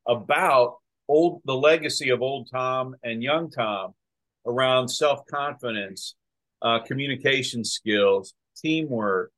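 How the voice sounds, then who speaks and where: A male podcast host in easy conversation, speaking at a mid pitch. He gets excited and stumbles over his words as he rushes into stories, restarting lines over and over. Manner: excited, talks in bursts with many restarts. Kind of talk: casual chat.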